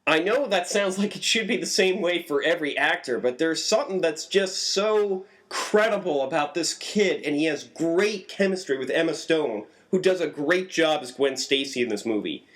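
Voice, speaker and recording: A man talks through a film review in a casual, conversational way. His voice sits a little high and jumps up further when he stresses a point. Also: moderate pace, hardly any pauses. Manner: animated, swings pitch up for emphasis.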